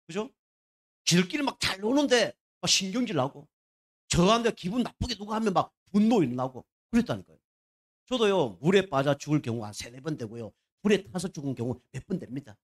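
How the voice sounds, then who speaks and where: A male pastor giving a conversational sermon to his congregation, asking them "right?" again and again and dropping from loud, emphatic bursts to quiet asides. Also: fairly high pitch. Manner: conversational preaching, constant "right?" checks with the congregation. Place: church sanctuary.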